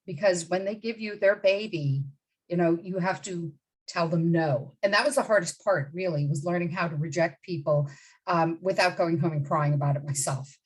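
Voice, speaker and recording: Lowish-voiced woman, 50s, from the bahamas, literary agent type, blunt and emphatic. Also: moderate pace, slightly rough, low-quality recording. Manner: direct and emphatic, with many asides and restarts. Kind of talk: interview answers.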